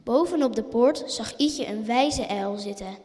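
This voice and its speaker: A woman reading a children's picture book aloud in a gentle, even storybook manner. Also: a little high, unhurried, big-room sound.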